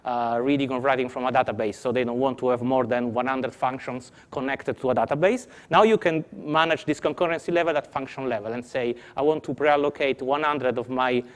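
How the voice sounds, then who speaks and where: A man's voice: medium pitch, brisk, hardly any pauses. Italian-accented man explaining cloud tech. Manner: explanatory, with fillers and restarts. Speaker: conference presenter. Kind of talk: technical Q&A answers.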